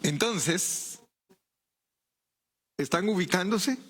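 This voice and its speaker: A man's voice: high voice, lively intonation, drawn-out words, a bit bright. A man with a Guatemalan accent preaching a sermon in a conversational way, often asking the congregation rhetorical questions. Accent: Guatemalan Spanish.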